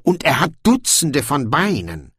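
A man reading an audiobook, voicing a blunt, secretive male dwarf king in a raised, slow, deliberate voice. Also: fairly high pitch, huge pitch swings, fairly bright tone, breathy edge, no room sound, clean studio sound, pitched above the performer's own voice, full character voice. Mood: matter-of-fact.

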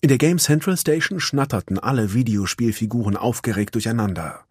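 A man reading a children's storybook aloud in an expressive, animated way. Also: medium pitch, a little fast, husky, no room sound, studio quality. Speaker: narrator.

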